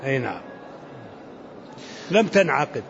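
A man, a sheikh giving unhurried commentary in a religious lesson, dropping into softer asides. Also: mid-range voice, sing-song, creaky. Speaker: sheikh commenting on a fiqh text. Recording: muffled lo-fi recording with faint hiss.

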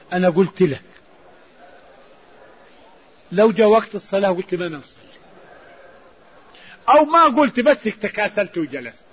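A man's voice: high-pitched, husky. A man giving a religious lesson as an Islamic scholar, fervent, with raised emphatic outbursts. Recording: dull lo-fi recording.

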